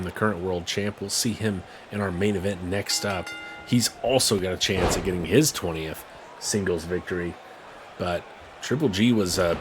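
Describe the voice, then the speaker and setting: A man doing wrestling commentary as play-by-play announcer, calling the action in short bursts. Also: fairly low pitch.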